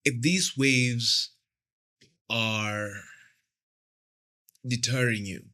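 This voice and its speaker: Easygoing man, podcast guest, bright tone, jokes often. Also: mid-range voice, fairly even intonation, extremely slow. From Kenya. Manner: easygoing, joking. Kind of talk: casual podcast chat.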